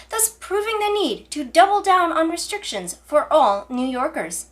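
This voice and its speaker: A woman's voice: sits high, fairly bright tone. A woman reading scripted mock news as a parody news anchor, with formal, emphatic delivery.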